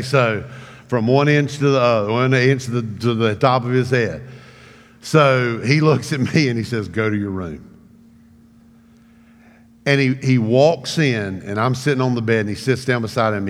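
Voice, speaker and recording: A pastor delivering a sermon, his voice ringing with a long hall reverb. He talks with an ordinary, mid-range pitch, stammering and repeating words. He swings from loud, lively bursts to quiet, low stretches. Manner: storytelling preacher, swings from loud animated bursts to hushed low tones.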